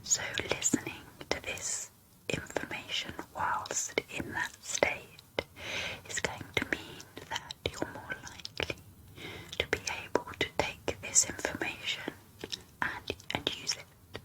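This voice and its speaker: A woman doing a whispered role-play in a soft, unvoiced ASMR whisper, speaking slowly and deliberately. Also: low-quality recording. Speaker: ASMR video creator.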